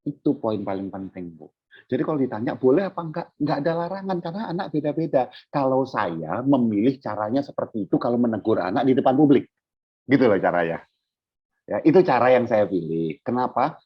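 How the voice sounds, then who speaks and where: Man guest speaker on a video call, husky and conversational, dull muffled sound. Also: medium pitch, a little fast. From Indonesia. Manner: explains in a relaxed, conversational way, acting out what a parent says to a child. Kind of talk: casual parenting talk over video call.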